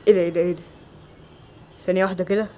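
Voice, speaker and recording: A man with an Egyptian Arabic accent acting several everyday roles in a homemade skit, with quick, exclamatory lines. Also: high-pitched, little pitch movement, lightly acted. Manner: quick, loud, exclamatory dialogue. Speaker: amateur actor.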